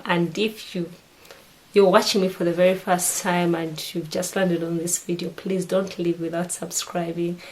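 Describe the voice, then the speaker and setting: A woman's voice: lowish voice, a little hiss or hum, rough recording. A middle-aged woman from Uganda with a Ugandan accent, chatting to camera about her sewing and often restarting her sentences. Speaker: sewing vlogger. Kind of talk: casual chat to camera.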